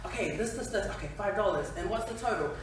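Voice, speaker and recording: A chatty woman from New Zealand, in her 20s, speaks fast with lively intonation in a medium-pitched voice, laughing at herself as she shares her personal story at a company event. The audio is distant and echoey, from a hall, with slight hiss or hum.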